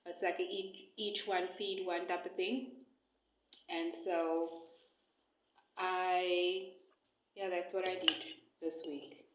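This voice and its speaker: Female eat-along vlogger, lowish pitch, unscripted hesitant chat, echo-heavy room on a phone mic. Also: fairly even intonation. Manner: hesitant, rambling, with pauses between short phrases. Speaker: food vlogger and cookbook author. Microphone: phone close by, no attached mic. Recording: echoey room, phone microphone.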